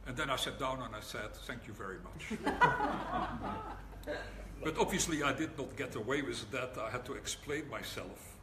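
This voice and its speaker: An older Dutch man from the Netherlands, a rabbi, gives a public lecture in a medium-pitched voice with huge pitch swings. His delivery is wry and deliberate, pausing for laughs, and the echoey hall adds audible room noise.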